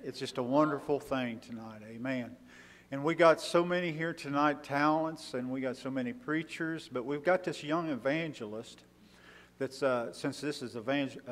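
An older man leading a church service from the pulpit, folksy and dropping frequent amens. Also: mid-range voice. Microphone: pulpit mic. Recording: church hall reverb.

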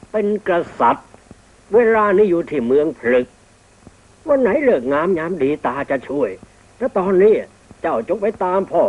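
An actor playing a kind, wise old male hermit who speaks gently to his grandson, in an old cartoon. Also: a little high. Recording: tinny old film soundtrack with music.

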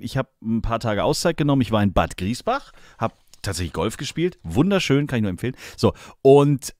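A man's voice: medium pitch, a little mellow, dry recording, clean studio sound. A man in his forties hosting a casual podcast chat over a call from his office, playful and teasing. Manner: playful, teasing, quick banter. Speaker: podcast host. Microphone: remote call.

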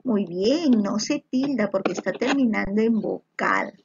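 A woman's voice: mid-range voice, animated, measured pace, muffled recording, slight background noise. A woman teaching young children a spelling lesson over slides, patient and encouraging, checking often that they follow. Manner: addresses pupils as little children. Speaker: primary school teacher.

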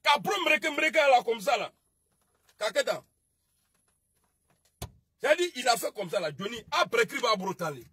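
A man with an Ivorian French accent ranting on a political livestream, scolding and shouting, then dropping to low mutters. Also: sing-song, normal speed, pauses often, breathy edge, dry recording. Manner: shouting, scolding, swings between loud outbursts and low muttering. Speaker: online video commentator. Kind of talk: heated political livestream rant.

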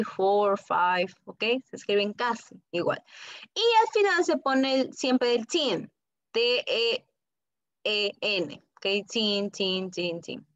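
A woman English teacher, teaching an online class to young children and drilling words slowly and patiently for them to repeat. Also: a little high, fairly bright tone. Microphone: computer mic on a video call. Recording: muffled video-call audio.

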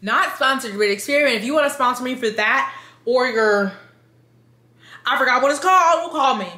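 Bright, drunk woman ranting. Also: sits high, brisk. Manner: animated, exasperated, sweary, emphatic. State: drunk, loose and rambling. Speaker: book reviewer. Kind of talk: casual rant review. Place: living room with bookshelves, indoors. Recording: roomy home echo.

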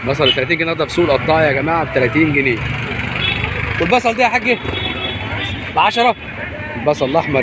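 A man with an Egyptian Arabic accent presenting a street-market price report, announcing prices repeatedly to his viewers. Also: fairly high pitch. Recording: very noisy outdoor street with traffic.

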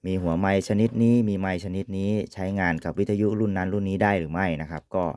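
A man's voice: deep voice, steady tone, fast talker, a little mellow, dry recording. A man giving an informal, polite product demonstration as an equipment reviewer, often ending phrases with courtesy particles.

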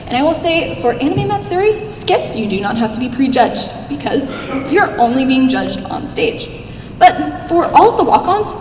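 Seated at a stage table in a big convention hall, a cosplay contest judge gives an upbeat, chatty panel talk into a handheld mic. She's young, with a squeaky little voice that comes across darkish in tone. Filmed by a distant camera, the audio is echoey and carries a little hiss or hum.

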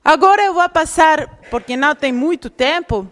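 Lecturer, female, high pitch, explanatory, recorded in a reverberant hall. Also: animated, normal speed, a bit bright. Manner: explanatory, often checks in with the audience. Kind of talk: public lecture.

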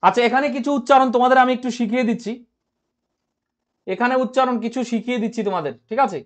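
A man teaching a live online grammar class, repeating each point and checking that everyone understood. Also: very high-pitched. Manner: reads out and answers viewer comments, repeats points, asks if clear.

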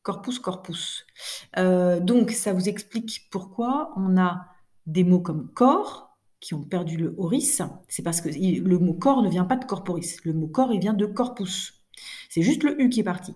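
Low, mellow-voiced French teacher. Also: female voice, lively intonation, normal speed. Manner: explanatory, many fillers and restarts. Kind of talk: recorded lesson correcting exercises.

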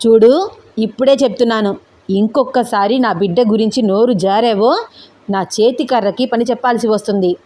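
A woman doing a sharp-tongued old grandmother. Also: a little high, normal speed, close to an everyday voice. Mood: angry scolding. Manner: scolding, threatening. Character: stern older grandmother, sharp-tongued matriarch. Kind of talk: audio story character voice.

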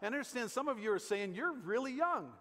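An American pastor in his fifties preaches from a stage in a conversational, emphatic way, repeating phrases for weight. His high-pitched voice is animated, brisk, bright and forceful, wrapped in the long reverb of a large church hall.

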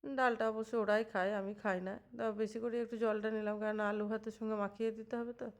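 A woman's voice: mid-range voice, level tone, fast talker. A woman in her thirties chatting in a homely, rambling way as she narrates a cooking vlog in her home kitchen. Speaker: housewife vlogger.

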